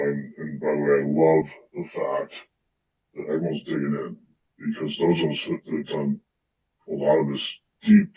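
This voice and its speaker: An anonymous caller on a livestream roundtable, talking through a voice changer that shifts the voice very deep, in a conspiratorial way with many fillers. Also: a little mellow. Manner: conspiratorial, hesitant with many fillers, spells out account names. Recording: dull lo-fi call audio, distant and roomy.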